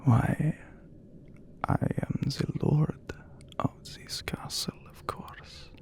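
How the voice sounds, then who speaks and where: A man voicing a haughty, courtly, immortal vampire count in a breathy, whispered ASMR roleplay, with formal, archaic phrasing. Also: extremely slow, darkish tone. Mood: courtly welcome.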